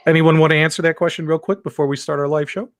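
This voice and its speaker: A man hosts a casual live talk show about video game movies, chatting, laughing, and using lots of fillers in a livestream style. His voice is fairly high, fast, and shows little pitch movement.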